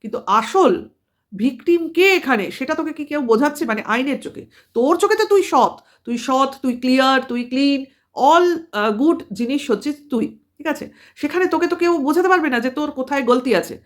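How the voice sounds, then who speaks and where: A woman delivers a rapid commentary to camera, her voice sitting a little high. She lectures like she is scolding someone directly, piling up rhetorical questions as she goes. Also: expressive. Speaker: vlogger.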